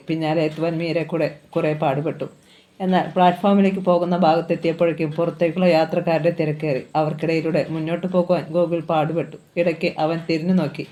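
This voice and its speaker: A reader narrating a novel aloud in a steady storytelling manner. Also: mid-range voice.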